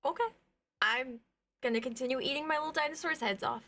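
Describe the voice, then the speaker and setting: A woman's voice: high-pitched, fast, pushed and bright. A woman co-hosting a live stream, making dry, wincing remarks while her eyes water from the spicy food. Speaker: stream co-host. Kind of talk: casual live-stream chat.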